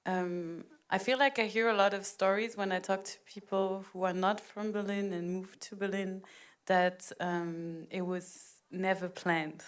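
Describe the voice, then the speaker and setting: A woman in her thirties from Rwanda, speaking as a panel guest in a reflective, hesitant way with frequent pauses and laughs. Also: mid-range voice, fairly even intonation, smooth. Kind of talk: panel conversation.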